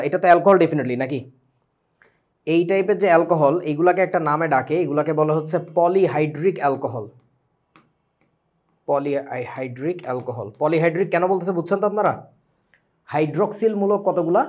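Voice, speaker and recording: A young man with a Bangladeshi Bengali accent teaching a chemistry class online, lively and full of questions to his students. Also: on the high side. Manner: lively, asks students questions often, mixes English words.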